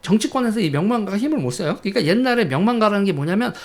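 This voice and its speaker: A man's voice: high-pitched, lively intonation, very fast. A man from Korea's Chungcheong region giving casual political commentary, storytelling and acting out quoted villagers, chuckling often between points.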